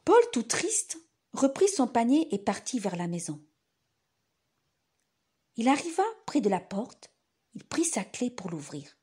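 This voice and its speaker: A woman reads a bedtime story as if to a toddler. Her voice is very high and husky, and she takes her time with swooping, expressive phrasing. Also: measured pace, long pauses. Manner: expressive, simple, as if reading to a toddler. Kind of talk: children's bedtime story narration.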